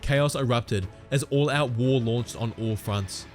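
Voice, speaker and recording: A man giving steady, dramatic scripted storytelling narration. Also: mid-range voice, a little slow, soft background music.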